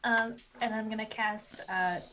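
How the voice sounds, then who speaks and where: A woman playing in a tabletop game, hesitant and giggly with lots of pauses. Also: mid-range voice, steady tone, noisy background. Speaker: player. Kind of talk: tabletop game play over a call.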